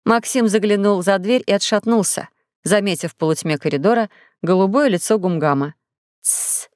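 A woman narrating a children's audiobook in a clear, even reading voice into a studio microphone. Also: mid-range voice, brisk, no echo. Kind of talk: scripted storybook narration.

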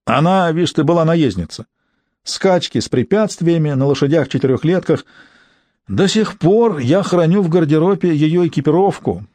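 A man's voice: a little high, expressive, normal speed, darkish tone, dry recording, pitched above the performer's own voice, natural voice. A man reading an audiobook, voicing a boorish middle-aged husband who talks in a coarse, folksy, griping way.

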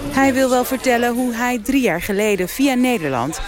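A woman's voice: a little high, animated, normal speed, over loud music. A woman correspondent narrates a scripted radio report. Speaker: foreign correspondent.

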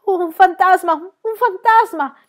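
A woman's voice: medium pitch, a little fast, natural voice. A woman doing a young boy putting on bravado. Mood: alarmed. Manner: swaggering, then shouting in alarm. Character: young boy trying to act brave.

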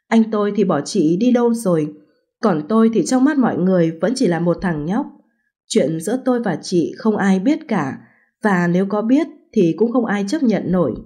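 A woman narrating a first-person story as an audiobook, in an even, unhurried way. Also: mid-range voice, breathy edge.

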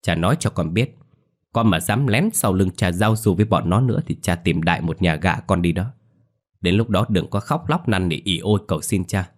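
A man voicing a cruel, scornful old village landlord scolding his daughter. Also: moderate pace. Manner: stern, scornful, low and clipped.

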